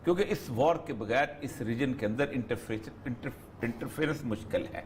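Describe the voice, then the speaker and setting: A man's voice: mid-range voice, a little hiss or hum. A man, a political analyst on a studio talk show, talking animatedly and acting out quotes in changed voices. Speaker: political analyst, program's regular guest.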